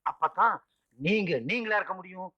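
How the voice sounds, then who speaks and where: A man's voice: sits high, moderate pace, lo-fi sound, close to an everyday voice. An actor playing a sly villager who lectures the headman in a film comedy.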